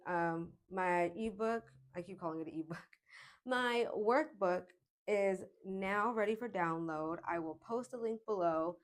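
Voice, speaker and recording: A woman in her late twenties talking to camera in a casual self-help vlog, reflective and chatty, with frequent pauses and fillers. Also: mid-range voice. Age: 20s. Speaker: vlogger.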